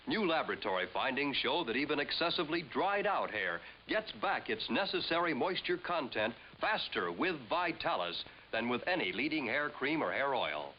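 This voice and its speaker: A man reading a polished, persuasive commercial in the style of a 1950s TV broadcast. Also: slight background noise. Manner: polished, persuasive pitchman delivery. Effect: 1950s TV broadcast sound. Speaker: commercial announcer. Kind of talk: scripted hair tonic commercial. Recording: dull lo-fi old TV audio.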